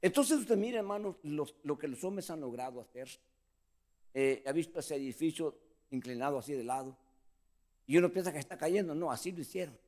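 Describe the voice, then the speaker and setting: A man preaching a sermon as pastor, calling listeners brother and acting out the scripture scene. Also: fairly quick. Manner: preaching with lively pitch swings, addressing listeners as brother.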